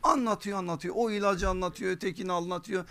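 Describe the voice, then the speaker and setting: A man's voice: high-pitched, steady tone, quick pace, a bit bright. A man preaching a sermon from a pulpit microphone, emphatic, repeating his points and checking with rhetorical questions.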